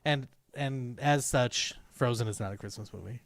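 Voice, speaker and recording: A man co-hosting a podcast in casual chat, trading dry, deadpan quips. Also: mid-range voice, moderate pace. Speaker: podcast co-host.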